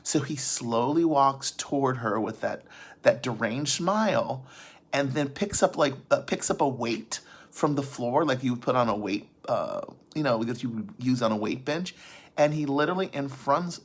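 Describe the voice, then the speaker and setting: A man's voice: mid-range voice, breathy edge. Man rambling through a movie recap. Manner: rambling, with restarts and asides. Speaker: vlogger recapping a film. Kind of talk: casual spoken plot recap.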